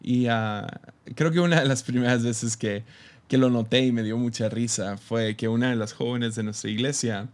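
A Mexican man talking casually to his church, his voice sitting at an ordinary middle pitch. He chuckles often and keeps stumbling into fillers and restarts as he thinks aloud, giving the talk an easy, chatty flow. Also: steady tone, normal speed.

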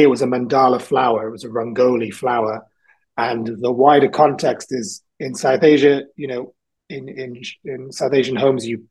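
A man's voice: medium pitch, darkish tone, breathy edge, rough recording. A man from South Wales, a guest artist in a casual interview, talking thoughtfully and rambling a little, with frequent ums and laughs.

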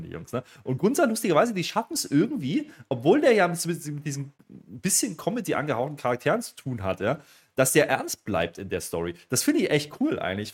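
Fast-talking man reviewing wrestling. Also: fairly high pitch. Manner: chatty, hesitant with many fillers. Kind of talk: casual podcast chat.

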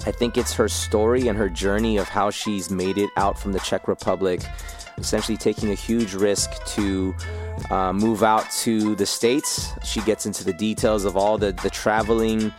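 A man's voice: on the low side, fairly even intonation, moderate pace, music in the background. A man hosting a podcast, chatting casually and upbeat with a guest, with many fillers. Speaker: podcast host.

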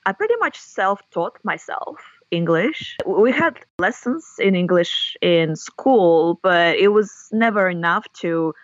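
A Russian woman in her thirties with a Russian accent, appearing as a guest author, chats casually in an interview. Her voice sits on the low side and she takes it slowly; the recording has no echo and its highs are cut off. She tells stories animatedly, laughing often and restarting phrases.

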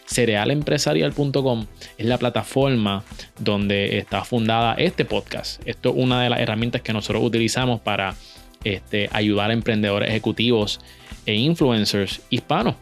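A man hosting a solo podcast, upbeat and energetic as he talks straight to his listeners. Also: medium pitch. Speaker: podcast host.

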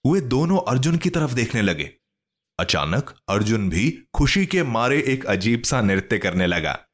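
A man narrating a children's story in an expressive, scripted reading. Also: medium pitch, unhurried.

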